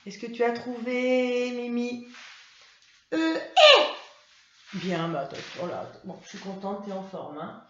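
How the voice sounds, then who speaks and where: A woman's voice: medium pitch, steady tone, moderate pace, a little mellow, a little hiss or hum. A woman teacher giving a reading lesson for young first graders, in a patient, encouraging way. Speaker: primary school teacher. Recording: roomy, slightly dull home recording.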